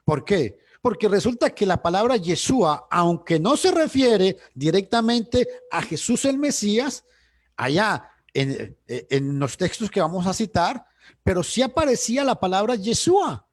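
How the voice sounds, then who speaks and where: A man's voice: sits high, sing-song, measured pace, dry recording. A man teaching church doctrine on a video call, emphatic and full of rhetorical questions, often restarting words.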